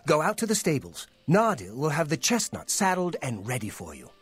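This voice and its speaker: An actor playing a male stable owner in a game, making a proud sales pitch for his horses. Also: huge pitch swings, brisk. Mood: salesy. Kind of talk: game voice acting.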